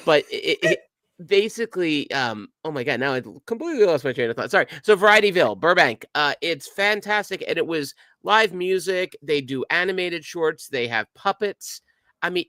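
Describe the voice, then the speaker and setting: A man's voice: fairly high pitch, pushed and bright, dry recording, clean studio sound. A middle-aged man co-hosting a podcast, telling rambling stories in casual chat with many restarts. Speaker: podcast co-host.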